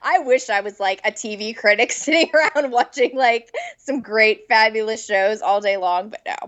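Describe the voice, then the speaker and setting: A woman's voice: a little high, normal speed, a bit bright, muffled recording. A pregnant woman, a food blogger guest, chatting casually in an interview, giggling often and filling her speech with "like". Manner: chatty, giggly, lots of filler "like".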